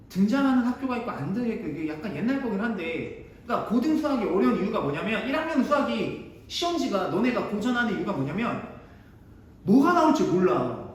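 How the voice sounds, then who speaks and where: A man teaches a math class in a chatty, rambling way, joking with his students as he goes. His voice sits high and swings widely in pitch. The sound comes from a mic well away from him in a strongly echoing room with faint noise. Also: distant mic. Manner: chatty, digressive, bantering with students in casual speech. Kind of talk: casual classroom lecture.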